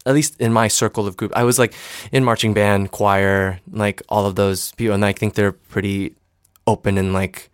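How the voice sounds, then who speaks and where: Young man from Michigan, fairly low voice, dry close sound, casual interview guest, halting with lots of ums. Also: little pitch movement, clean tone, no room sound. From Michigan, United States. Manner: hesitant, many fillers and restarts. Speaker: interview guest, stage actor and singer.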